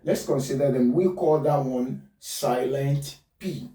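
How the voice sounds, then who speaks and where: Male phonetics teacher, deliberate drill-like delivery, dark timbre, echoey room. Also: mid-range voice. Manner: spells words letter by letter, repeats them slowly. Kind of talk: pronunciation lesson. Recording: roomy, distant mic.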